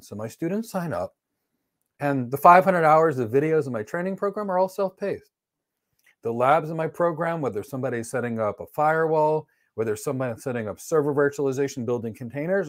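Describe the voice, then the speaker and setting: This live-stream Q&A lesson comes from a middle-aged networking instructor whose voice is middling in pitch. Framed at chest height in an indoor studio with a virtual backdrop, he answers questions in a blunt, emphatic, matter-of-fact manner.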